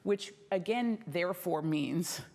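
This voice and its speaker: A middle-aged woman coaching a young violinist in a masterclass, lively and demonstrative, often laughing and singing rhythms. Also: fairly low pitch, slow pace. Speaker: violin teacher giving a masterclass. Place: concert hall stage at a music competition. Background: violin and piano playing faintly.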